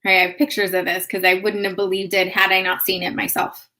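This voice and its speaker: A woman's voice: mid-range voice, flat delivery, brisk, bright, forceful tone. A middle-aged woman hosting a spiritual live stream, telling a personal story in an earnest, emotional way.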